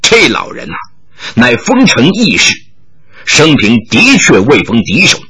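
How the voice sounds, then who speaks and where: A man's voice: mid-range voice, huge pitch swings, a little slow, sharp tone. A man narrating a martial arts novel in a dramatic, vivid storytelling style.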